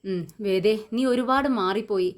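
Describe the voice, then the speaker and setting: A woman voicing a hurt elderly father who gently pleads with his estranged daughter. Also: mid-range voice, unhurried, lightly acted.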